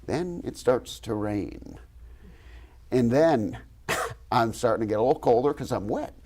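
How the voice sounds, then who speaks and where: A TV news host tells a story in an animated, self-deprecating way, often breaking into light laughter. His delivery is chatty, with sudden bursts of speed. His voice sits at an ordinary middle pitch. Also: unhurried. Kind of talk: casual TV studio chat, anecdote. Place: TV news studio.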